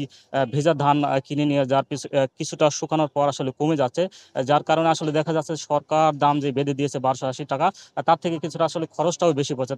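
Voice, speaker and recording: Flat, fast male field reporter. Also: on the high side, no room sound. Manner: hesitant, filler-heavy reporting. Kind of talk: live report.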